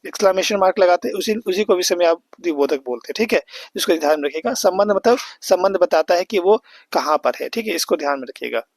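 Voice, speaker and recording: Young male teacher, high voice, dry close recording; explains patiently and repeats key points. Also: expressive, a little fast, no room sound. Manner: explains step by step, repeats and checks with "है ना". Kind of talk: exam-prep grammar lesson.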